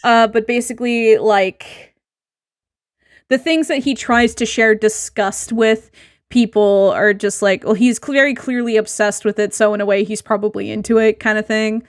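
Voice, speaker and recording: A woman's voice: fairly high pitch, steady tone, normal speed, no room sound, studio quality. A woman co-hosting a casual podcast, talking with many fillers and restarts. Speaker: podcast co-host. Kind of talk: casual podcast chat, reading posts aloud.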